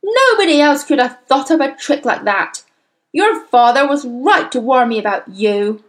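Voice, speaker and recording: A woman's voice: sits high, animated, normal speed, voice pushed up. Woman performing Miss Trunchbull, a bellowing tyrant headmistress. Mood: ranting rage. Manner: bellowing, ranting, venomous insults. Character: enraged tyrannical adult woman headmistress, bullying and vicious.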